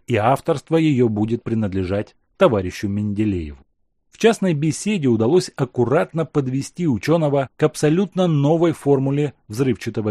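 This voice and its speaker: A man reading a novel aloud in steady scripted narration. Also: mid-range voice, no echo, studio quality. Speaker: audiobook narrator.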